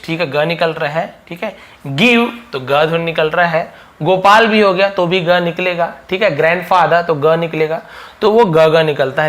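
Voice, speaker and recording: A man teaching English pronunciation in a phonics lesson, repeating example words slowly and answering his own questions. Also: a little high, a bit bright.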